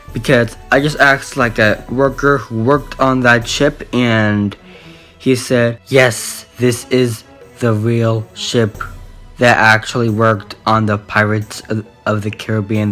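A teenage male vlogger telling a story casually and haltingly, repeating himself, recorded on a handheld phone in a small room. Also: medium pitch, fairly bright tone. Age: teens. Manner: halting, repetitive. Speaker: video host. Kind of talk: casual excited vlog storytelling. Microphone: phone at arm's length.

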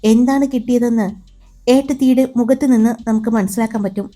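A reassuring young sister-in-law in an audio love story, voiced by a woman narrator. She explains things in a confident, even way. Her voice is mellow and a little high, with soft music behind. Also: quick pace, lightly acted.

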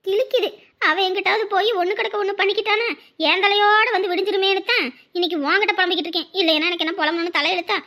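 A woman's voice: very high voice, fairly even intonation, very fast, pushed and bright. A woman voicing a scheming, fretful stepmother in a cartoon drama. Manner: whining, fretful.

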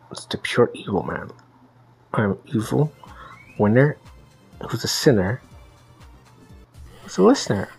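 A man's voice: mid-range voice, breathy edge, low-quality recording. A man casually commentating his own fighting-game play, rambling and trash-talking in slangy, rowdy banter.

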